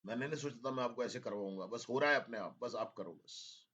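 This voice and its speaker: In a dull, lo-fi classroom recording, a man runs an English spelling dictation, naming words letter by letter and gently poking fun at his students. His mid-range voice is brisk, bright and forceful, with a breathy edge.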